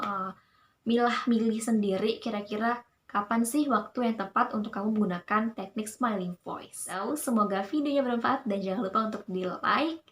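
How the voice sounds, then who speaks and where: A woman's voice: medium pitch, a little hiss or hum. A cheerful young woman hosting a casual tutorial on speaking technique, explaining in an upbeat voice. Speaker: voice-over coach and channel host.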